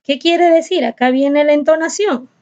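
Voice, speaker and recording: Woman teacher, high voice, explains by asking and answering her own questions, muffled lo-fi sound. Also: moderate pace, darkish tone. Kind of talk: recorded class lesson.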